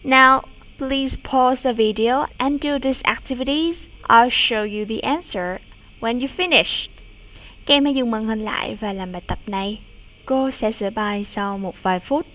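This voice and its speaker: A woman's voice: a little high, measured pace, a bit bright. A woman teaching an English lesson for children in a recorded video. She says each word twice and drills its sounds for pupils to repeat. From Vietnam.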